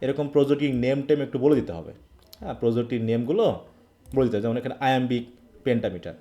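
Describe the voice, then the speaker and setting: Fast-talking male English teacher. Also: medium pitch, mellow. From Bangladesh. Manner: asks questions and checks understanding. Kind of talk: live online class.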